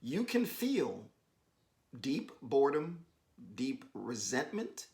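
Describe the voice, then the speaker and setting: A man giving a devotional talk with his wife, exhorting and emphatic, rising to bursts of excitement, speaking over a video call. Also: medium pitch, slow pace. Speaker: husband co-hosting a devotional. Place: home, joining an online meeting.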